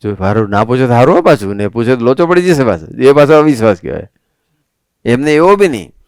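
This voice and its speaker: A monk preaching a sermon to a family assembly, telling stories in an animated, conversational way. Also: male voice, mid-range voice, quick pace, clear, resonant tone, no room sound, clean studio sound. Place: assembly hall at a resort.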